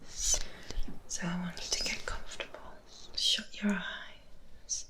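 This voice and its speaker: Slow whispering woman, ASMR. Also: on the low side, flat delivery. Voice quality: breathy unvoiced whisper. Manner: soothing, deliberate, repeats words softly. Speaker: ASMR host guiding relaxation.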